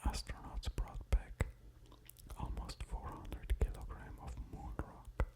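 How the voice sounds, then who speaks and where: A man doing whispered ASMR in a soft unvoiced whisper, close to an ear-to-ear microphone, musing in a hesitant way. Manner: slow, hesitant delivery with musing asides. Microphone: close-up stereo ear-to-ear microphone.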